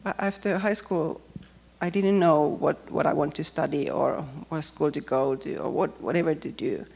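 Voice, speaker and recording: Speaking as a church member sharing her testimony, this woman from Finland uses English as her second language and carries a Finnish accent. Her delivery is cautious and halting, full of pauses. She has a deep, creaky voice that is slightly mellow and a bit rough.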